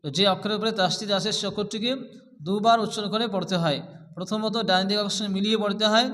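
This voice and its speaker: A man teaching prayer recitation, explaining pronunciation rules and then chanting each phrase slowly and drawn out. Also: high-pitched, steady tone, fairly bright tone, big-room sound. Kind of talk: recitation lesson.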